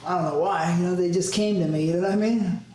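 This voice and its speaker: This Southern California man has a high-sitting, fairly even voice that moves quickly and sounds a little mellow. He interviews a guest in a loose, profane, conversational way, telling stories and laughing. The room is very echoey with faint noise.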